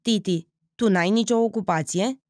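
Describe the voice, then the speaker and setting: A woman's voice: medium pitch, a little mellow, no room sound, clean studio sound, lightly acted. A woman reading an audiobook voices a proud, spirited young woman. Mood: annoyed.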